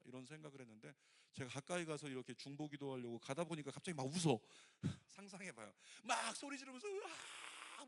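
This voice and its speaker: A middle-aged male pastor preaching a sermon, telling a story with lively acted-out quotes. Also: fairly high pitch, gravelly. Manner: animated storytelling, acts out quoted voices.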